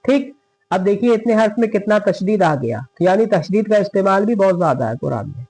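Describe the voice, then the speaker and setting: A man's voice: high voice, big pitch swings, a little mellow, husky, low-quality recording. A male Quran teacher giving a tajweed lesson. He stresses the doubled letters, repeats words and corrects himself as he reads verses. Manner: explains quickly in Hindi, recites verses slowly and drawn out. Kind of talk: tajweed lesson with slow recitation.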